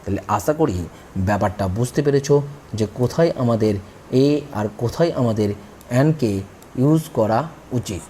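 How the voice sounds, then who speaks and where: A man's voice: medium pitch, animated, moderate pace, mellow, slight background noise. A man teaching a grammar lesson, spelling out words letter by letter and explaining patiently. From India.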